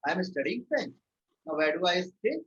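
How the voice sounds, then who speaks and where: A young man with an Indian English accent leads a live language lesson in a high-pitched, slightly bright and slightly rough voice with lively intonation at normal speed. He patiently repeats words and checks in with "right?" and "okay." The stream audio is dull and lo-fi, with faint noise.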